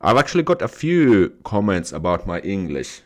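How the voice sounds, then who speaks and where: A young Finnish man with a deep voice and a Finnish accent hosts a YouTube live stream, chatting and reading comments aloud. His pitch swings widely at a normal speed, and he often laughs things off and restarts words.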